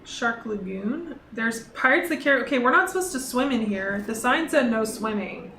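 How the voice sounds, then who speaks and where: A woman's voice: fairly high pitch, moderate pace. A woman hosting a casual chat while touring a game world, playful and giggly. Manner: playful, giggly, slips into a pirate voice. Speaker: host. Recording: echoey room with steady noise.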